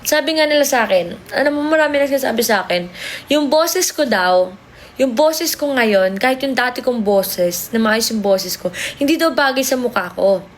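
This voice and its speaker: A woman's voice: a little high, lively intonation, moderate pace. A young woman from the Philippines chatting casually with viewers on a phone livestream, playful and giggly, mixing English into her talk. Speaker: idol group member livestreaming.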